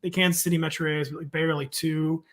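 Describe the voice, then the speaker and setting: A man's voice: on the high side, little pitch movement, fast, fairly bright tone. A man from the St. Louis suburbs talking fantasy football in a casual chat, full of "like" fillers.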